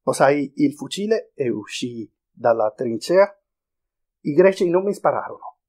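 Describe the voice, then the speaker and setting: Italian man reading intensely. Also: fairly high pitch. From Italy. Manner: intense, moving from raised urgency to hushed quiet. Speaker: reader. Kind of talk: dramatic literary reading. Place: live reading event.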